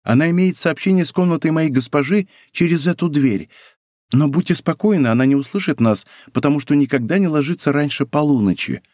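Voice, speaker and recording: A man reading an audiobook voices a gentle young female maid who speaks softly and pityingly. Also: a little high, animated, fairly quick, no room sound, studio quality, natural voice.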